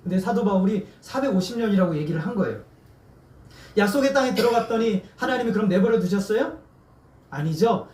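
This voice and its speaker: Man, pastor, high voice, sermon, quizzes the congregation, echoey church, mic set back. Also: mellow, recorded from a distance. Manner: asks the congregation questions and has them repeat words. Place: church sanctuary.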